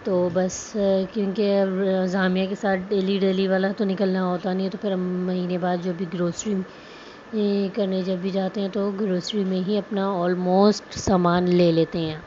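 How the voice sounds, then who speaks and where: A woman's voice: mid-range voice, flat delivery, measured pace, warm tone. A young woman, chatting casually through a vlog, with many fillers and asides. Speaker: vlogger. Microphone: phone. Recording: muffled phone audio with background noise.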